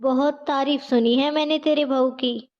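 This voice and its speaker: A woman voicing a gentle, chatty middle-aged neighbor in a storybook tale. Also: high voice, steady tone, normal speed, dull audio, lightly acted. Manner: soothing, chatty.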